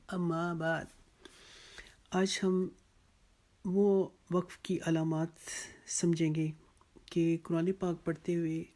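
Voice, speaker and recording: A Quran teacher explains the lesson in a measured, unhurried way, pausing often between phrases. The voice is mellow and warm, and it stays level with little rise and fall. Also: medium pitch. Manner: measured, explanatory, with frequent pauses.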